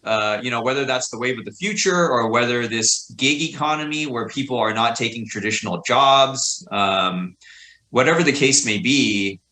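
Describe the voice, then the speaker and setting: A man's voice: medium pitch, normal speed, bright, forceful tone, poor audio. A middle-aged man chatting as a podcast guest, a teacher talking in a rambling, reflective way full of fillers. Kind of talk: casual conversation.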